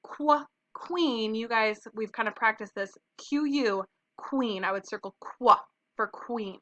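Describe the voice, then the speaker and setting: A young woman with a slightly high, slightly slow voice that sounds pushed and bright teaches phonics to kindergartners, patiently sounding out letters and short vowels one at a time. The home recording is dull and lo-fi.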